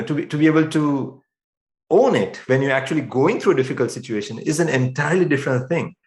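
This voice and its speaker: A man speaks as a podcast guest in a reflective, earnest way, often restarting his phrases as he thinks. His voice sits at a middle pitch. The room around him sounds echoey. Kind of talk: reflective interview talk.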